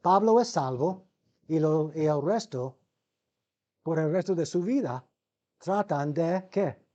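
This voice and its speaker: A man's voice: fairly high pitch, takes it slowly, warm tone, dull audio. A man giving a seminary Bible lecture, calling his listeners brothers, asking them rhetorical questions and often restarting words mid-sentence. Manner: asks the class rhetorical questions.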